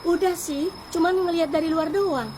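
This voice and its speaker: A woman with a Jakarta accent voicing a naive, scatterbrained, lovesick young friend in an animated comedy, whiny and slangy. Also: very high-pitched, normal speed, noisy background. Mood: friendly. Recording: music behind the voice.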